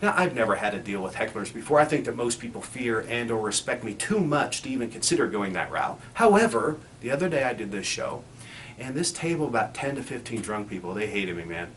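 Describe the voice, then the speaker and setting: A man playing a crude, cynical clown pitchman in a spoof infomercial, swearing and mock-sincere as he sells insulting greeting cards. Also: lively intonation, fairly quick, a bit bright, lightly acted. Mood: salesy, proud, then aggrieved, proud. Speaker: comedian in character as a clown. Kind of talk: spoof infomercial sales pitch with recited rhyming card verses. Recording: roomy echo, faint background noise.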